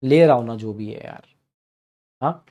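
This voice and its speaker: A man teaching a live online class, answering student questions and repeating key points while sometimes acting out the parties in loud voices. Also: mid-range voice, measured pace. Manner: repeats key phrases to drive points home.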